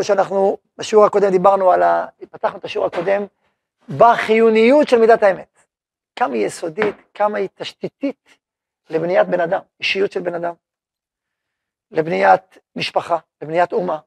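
A yeshiva head gives a spoken Torah lesson to his class in a high, rough, gravelly voice with a breathy edge, recorded close and dry with little room sound and no echo. Animated, he tells everyday stories, acts out both sides of short dialogues, and keeps asking the class questions and answering them.

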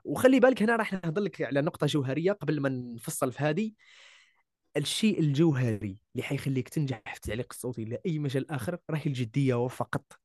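A man's voice: on the high side, animated, rapid-fire, a little mellow, dry recording, studio quality. A young man with an Algerian Arabic accent, a voice-over artist talking casually as a guest, emphatic and repeating key words. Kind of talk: casual interview chat.

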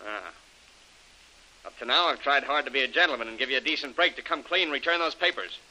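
A cold threatening radio heavy, old-time tough talk, brisk bright tone. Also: male voice, medium pitch, poor audio. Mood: menacing. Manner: tough-guy slang, threatening. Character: menacing adult male villain, cold bully. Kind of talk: 1930s radio drama acting.

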